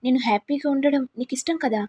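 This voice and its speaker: A woman's voice: sits high, fast talker, mellow, natural voice. A woman reading as a sneering bitter young husband. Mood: taunting. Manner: taunting, accusing.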